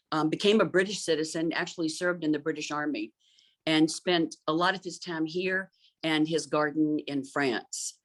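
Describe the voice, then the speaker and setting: A middle-aged woman, an interior designer, chatting about gardens in a thoughtful, fluent way with frequent ums. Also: low voice. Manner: thoughtful, fluent with many um fillers. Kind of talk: conversational talk about gardens.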